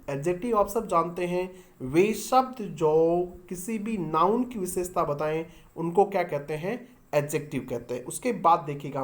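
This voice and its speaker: A woman's voice: fairly low pitch, a little mellow. Patient woman teaching an English lesson. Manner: patient, explains step by step and answers own questions; addresses viewers as students. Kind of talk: online language lesson.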